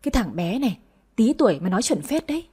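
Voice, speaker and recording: A woman voices a cheerful young husband who jokes and teases in an audio story. He stays polite and easygoing. The voice is mellow and husky. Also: fairly high pitch, sing-song, fast, heavily acted. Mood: joking. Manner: playful, polite.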